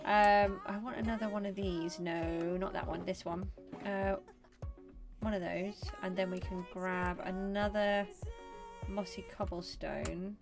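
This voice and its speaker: With a steady tone and measured pace, this medium-pitched woman's voice plays over music. She is a British gaming livestreamer from England, chatting casually through a building game and often pausing on "um" as she thinks aloud.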